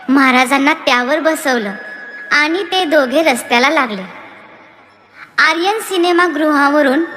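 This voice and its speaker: A woman narrating a devotional story with a measured, expressive reading. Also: sits high. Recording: long reverb with background music.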